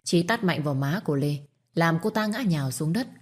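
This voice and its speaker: A woman reads a dramatic family story aloud with steady, measured narration. Her voice sits on the lower side and moves the scenes along evenly. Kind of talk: scripted narration.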